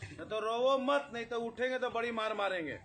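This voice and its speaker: A stern, tired mother, as a male storyteller puts her on, scolds and threatens her stubborn little son. Her voice sits high comes through. A clear hiss of background noise runs under the talk. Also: fairly quick, bright, forceful tone, heavily acted. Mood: scolding.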